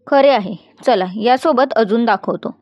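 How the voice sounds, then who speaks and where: A calm, knowledgeable male forest guide in a storybook reading, voiced by a woman narrator. He explains steadily and firmly. The voice sits a little high and sounds dry and close. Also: measured pace, no echo, lo-fi sound. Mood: informative.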